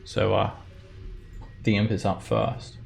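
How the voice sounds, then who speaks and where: A man running an online tabletop game as game master, narrating casually with halting, improvised phrasing. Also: lowish voice, very animated, vocal fry, faint music behind.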